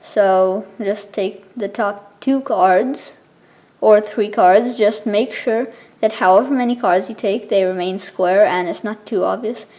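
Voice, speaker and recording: Woman giving a halting card trick tutorial. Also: medium pitch, a little mellow. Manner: informal, explanatory, halting between steps. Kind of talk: casual step-by-step spoken tutorial.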